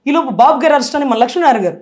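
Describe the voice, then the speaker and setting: High, fast, impassioned woman. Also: expressive. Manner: impassioned, forceful, tearful at times. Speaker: interview guest, political spokesperson. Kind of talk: emotional political interview.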